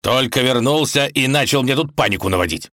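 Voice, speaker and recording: A man's voice: mid-range voice, lively intonation, brisk, pushed and bright, dry recording, studio quality, pitched above the performer's own voice. A man reading a fairy tale aloud and voicing a fussy, bossy old tsar. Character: fussy older male tsar, bossy but kindly.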